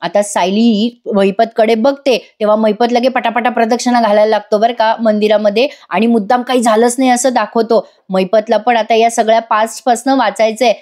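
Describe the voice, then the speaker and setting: A woman giving a voice-over recap of a TV serial, telling it in a lively way and speaking straight to her viewers. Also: fairly high pitch, brisk, hardly any pauses. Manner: lively storytelling, addresses viewers directly. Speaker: serial reviewer.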